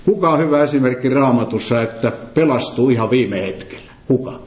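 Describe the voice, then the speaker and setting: Male preacher, middle pitch, emphatic, quizzes the room; roomy hall echo. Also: a little mellow. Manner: quizzes the listeners with questions, emphatic. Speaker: preacher leading a Bible study. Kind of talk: interactive sermon.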